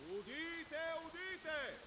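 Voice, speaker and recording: A male actor playing a town crier in a video game, proclaiming news in the street with drawn-out calls. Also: extremely high pitch, very animated, noisy background, exaggerated voice.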